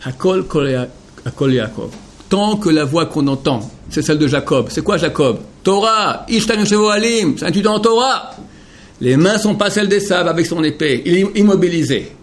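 A man giving a Torah lecture to an audience of men, emphatic and rhetorical, swinging between hushed explanation and impassioned questions. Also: sits high, animated, brisk. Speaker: rabbi teaching Torah.

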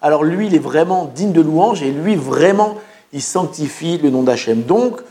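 A man's voice: a little high, animated, normal speed, dark tone. A man teaching a religious lesson, asking rhetorical questions and answering them himself, often checking in with his listeners. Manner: addresses listeners directly, frequent "d'accord?". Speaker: Torah teacher.

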